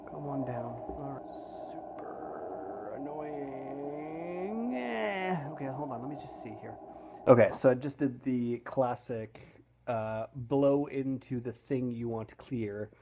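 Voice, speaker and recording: A man rambles through a casual home vlog update, his phone audio muffled so he sounds underwater. A loud static hiss runs under everything, and he speaks haltingly, with many fillers and restarts. His pitch sits in a middling range. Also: lively intonation. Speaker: vlogger.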